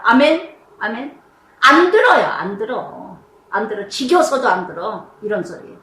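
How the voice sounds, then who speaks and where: Middle-aged woman pastor, high-pitched and animated, preaching casually in a reverberant room. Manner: animated, chatty preaching with rhetorical questions. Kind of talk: devotional Bible sermon.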